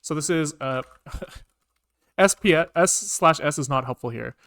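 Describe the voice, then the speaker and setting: A man with a slightly high, somewhat bright voice mutters to himself at a measured pace while working through code on a live stream. It's casual, informal think-aloud commentary on his live coding.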